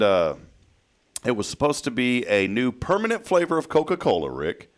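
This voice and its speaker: A man hosting a casual morning talk show from a small studio, joking as he reads news items and quizzes his co-hosts. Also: rumbling low. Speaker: host. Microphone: headset.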